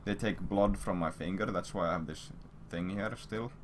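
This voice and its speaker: Speaking at a moderate pace, a very deep-voiced man rambles through a crude, profanity-laden anecdote for his stream viewers in a casual streamer style. Clear background noise and computer keyboard clicks fill the recording.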